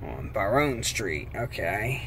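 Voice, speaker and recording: American man chatting over loud car noise. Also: on the low side, sing-song, creaky. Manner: unhurried thinking aloud. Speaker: vlogger driving. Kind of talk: casual rambling driving commentary. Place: inside a moving car. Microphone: handheld phone.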